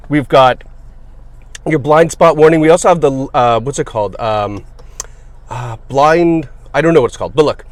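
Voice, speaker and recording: A man's voice: on the high side, no room sound. A man giving a casual, upbeat walkaround of a car for sale, chatty and full of fillers. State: has the hiccups. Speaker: car salesperson. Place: inside a car.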